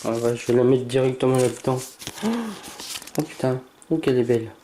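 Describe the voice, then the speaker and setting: This YouTuber briskly mutters through a trading-card opening in a mellow voice, reading out card names, stammering, and letting out excited exclamations. He restrains his shouts and stays low because it's night, and a little hiss or hum is audible.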